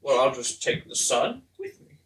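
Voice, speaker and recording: A man's voice: medium pitch, very animated, a bit bright. Jokey male player, roomy and distant. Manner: jokey, quick quips. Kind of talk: casual game chat. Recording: roomy, distant, faint hiss.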